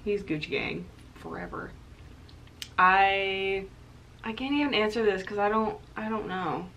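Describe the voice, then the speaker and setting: A young woman co-hosting a casual question-and-answer chat with her husband, talking fast and loose with lots of "like" and frequent laughter. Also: medium pitch, vocal fry, bright, forceful tone, dull audio, slight background noise. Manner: chatty, laughs often, lots of "like". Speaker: co-host of a couple's channel.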